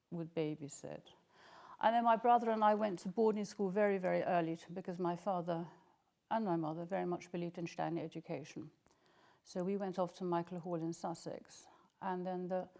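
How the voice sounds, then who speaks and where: An older woman telling childhood memories in an interview, enthusiastic and full of "um"s. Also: fairly low pitch. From Scotland. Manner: warm, enthusiastic storytelling with frequent "um"s. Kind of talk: reminiscing interview.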